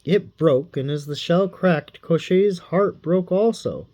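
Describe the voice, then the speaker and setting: A man reading a fairy tale aloud in a playful, animated way. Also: a little high, slow. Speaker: storyteller.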